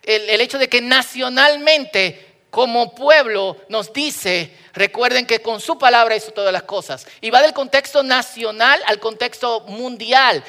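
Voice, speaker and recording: A male pastor preaching a lively, joking sermon and reading scripture aloud at a live church service. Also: very high voice, measured pace. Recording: long church hall reverb.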